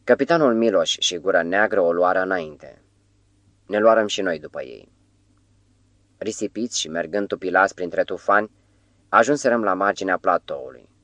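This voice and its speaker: A man reading a novel aloud as an audiobook narrator, measured and grave. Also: sits low, animated, fairly bright tone, no echo. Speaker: audiobook reader.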